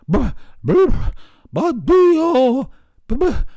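Barking, stammering mastiff dog. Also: male voice, extremely high pitch, huge pitch swings, extremely slow, dark tone, no echo, pitched above the performer's own voice, exaggerated voice. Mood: grateful. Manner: barking stammer, pleading wail. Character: panicked drowning male mastiff dog.

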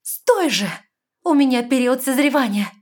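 A woman voicing a young, defiant red-haired fairy woman who cries out loud and shrill. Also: animated, moderate pace. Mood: shrill panic.

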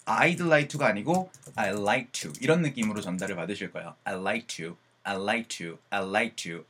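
A man who teaches English pronunciation in an online lesson. He asks questions and answers them himself, and he drills words slowly, repeating each one. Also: lowish voice, fairly bright tone, husky.

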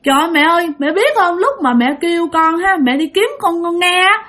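A woman voicing a frightened, crying three-year-old boy, speaking in halting child's talk. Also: extremely high pitch, expressive, sharp tone, pitched above the performer's own voice, heavily acted. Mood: tearful. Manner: tearful, halting child's speech.

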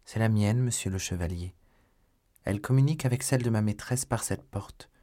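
Young maidservant, read by a low-voiced man. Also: fairly quick, warm tone, close to an everyday voice. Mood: confiding. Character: young maidservant, shy then bold. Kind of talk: audiobook character reading.

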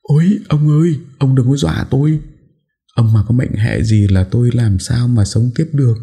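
A man's voice: lowish voice, expressive, normal speed, warm tone, slightly rough, voice pushed up. A man voicing an older woman, the overbearing mistress of a noble house, who scolds and wails. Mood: frightened. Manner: scolding, wailing.

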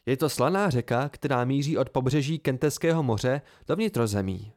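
A man's voice: mid-range voice, darkish tone, close to an everyday voice. A man voicing an eager young male student offering answers.

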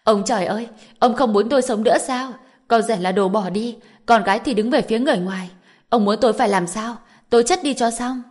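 A woman voicing a scheming middle-aged mother-in-law who scolds and wails loudly in an audiobook. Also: mid-range voice, brisk, lightly acted. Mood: shrill outburst. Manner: loud, wailing, scolding. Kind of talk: audiobook character voice.

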